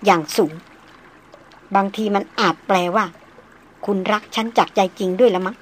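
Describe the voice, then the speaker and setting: Woman reading as a poised aristocratic lady, slow and measured. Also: mid-range voice, natural voice. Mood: musing. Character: refined aristocratic young woman doctor, self-assured. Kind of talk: audiobook character reading.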